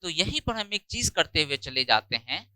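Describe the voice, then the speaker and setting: Bright, crisp Indian male teacher. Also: on the high side, sing-song, poor audio. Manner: explains step by step, voices student doubts himself; repeats words slowly for emphasis. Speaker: English teacher. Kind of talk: classroom lecture.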